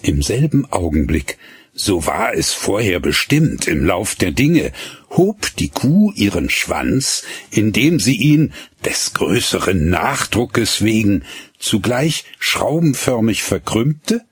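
A man narrating a radio story slowly and expressively, voicing the dialogue as he goes. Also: fairly low pitch, sing-song, husky, no echo, studio quality.

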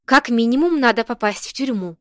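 A woman reading the lines of a cool, ironic woman who speaks slowly, calmly and precisely. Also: on the high side, dry recording, studio quality, close to an everyday voice.

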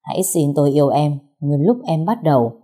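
A woman's voice: low-pitched, animated, brisk, mellow, slightly rough. A woman voicing a cold, controlling man who gives orders and threats over the phone. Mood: cold commanding. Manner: cold, commanding.

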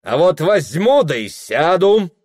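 A man's voice: on the high side, sing-song, takes it slowly, no room sound, studio quality, voice pushed up. A man voicing a bold, teasing young village beauty with a defiant sing-song manner. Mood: defiant mocking.

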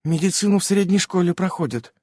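A man voicing a timid young witch girl who makes quiet, shy excuses. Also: high-pitched, lively intonation, normal speed, no room sound, studio quality, voice pushed up.

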